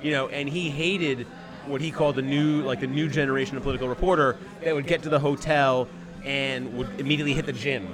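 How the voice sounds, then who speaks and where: A man's voice: medium pitch, fairly even intonation, quick pace, crowd noise. Man in his thirties hosting a podcast. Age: 30s. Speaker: podcast host. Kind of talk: casual chat.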